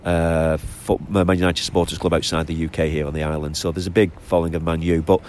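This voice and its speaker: Deep-voiced Lancashire man, noisy outdoors. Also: flat delivery, fast talker, darkish tone. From Lancashire, northern England. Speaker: interview guest, expatriate football fan living on an island. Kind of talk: casual chat. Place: outdoors by the sea. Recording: outdoor recording with clear traffic and ambient noise.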